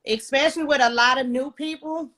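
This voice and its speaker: High-voiced woman podcast host. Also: fairly even intonation, brisk, a crowd in the background. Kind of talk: podcast interview chat.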